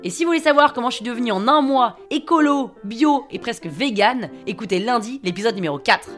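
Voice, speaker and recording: A woman's voice: a little high, expressive, fairly quick, a bit bright, soft background music. A woman narrating a scripted comic podcast story about herself, wry and self-mocking.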